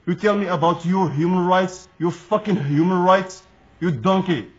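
A Moroccan protester, a native Moroccan Arabic speaker, makes an angry, indignant street appeal to the camera in English, repeating his phrases. His voice is high and moderately paced, and the sound is lo-fi.

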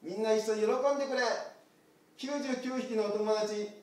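A man playing a kind, worried shepherd in a children's picture-card story, calling out loudly. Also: extremely high pitch, measured pace, pitched above the performer's own voice. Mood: relieved. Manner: loud calling and shouting. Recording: echoey church hall from far off.

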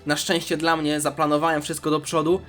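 A man's voice: on the high side, completely flat delivery, brisk, a bit bright, soft background music, lightly acted. A man voicing a scheming alien villain.

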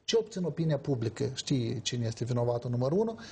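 A man's voice: medium pitch, sing-song, creaky, dark tone, husky. A man, a politician guest on a TV talk show, talking emphatically and animatedly and acting out quoted exchanges. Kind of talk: emphatic studio debate. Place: TV studio.

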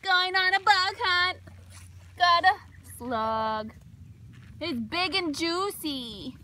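A woman voicing a perky, curious girl rag doll in a playful toy vlog, given to excitable, drawn-out exclamations. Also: very high-pitched, full character voice. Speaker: toy adventure show host. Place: outdoors in a yard, briefly inside a barn. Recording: handheld outdoor recording with background noise.

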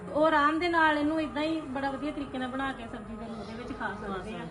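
A woman's voice: high-pitched, steady tone, quick pace, a crowd in the background. A woman with a Punjabi accent hosting a casual vlog, explaining things and checking for agreement. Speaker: vlog host. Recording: clear background noise.

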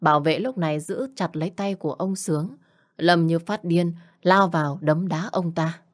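Warm, deep-voiced female storyteller. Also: moderate pace. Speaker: audiobook narrator. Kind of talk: dramatic audiobook reading.

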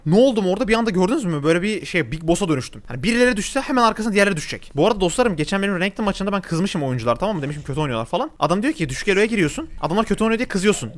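A young man speaking with a Turkish accent, giving chatty live gameplay commentary as a gaming YouTuber, exclaiming at the game and his viewers. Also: a little high. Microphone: desk mic at a gaming setup.

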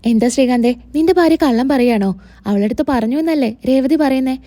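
A blunt young husband who protests and brushes things off, voiced by a woman storyteller. The voice stays mellow and a little high. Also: fast, close to an everyday voice. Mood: firm. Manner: protesting, brusque.

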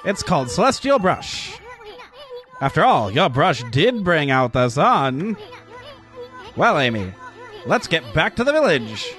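A man's voice: a little high, sing-song, unhurried, pauses often, fairly bright tone, soft background music. A man voicing a cocky, tiny male wandering artist, reading game dialogue in a chatty, teasing way. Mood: admiring.

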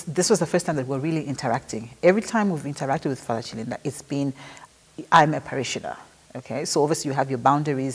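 Husky low-voiced Zambian woman. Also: darkish tone. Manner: chatty storyteller who acts out quoted dialogue. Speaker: interviewee paying tribute. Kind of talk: casual anecdotal recollection.

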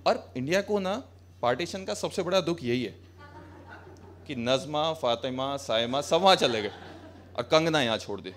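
A man's voice: medium pitch, lively intonation, normal speed, fairly bright tone. A young man doing a live stand-up comedy set on a small cafe stage, talking to the audience in a sarcastic, conversational way through a handheld mic. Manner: conversational, sarcastic, switching between Hindi and English.

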